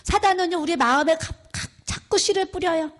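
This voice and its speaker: A woman's voice: very high voice, brisk. A middle-aged woman, a pastor's wife, preaching a sermon as a storyteller who acts out the people she quotes. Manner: storytelling, acts out quoted speech with rising emphasis.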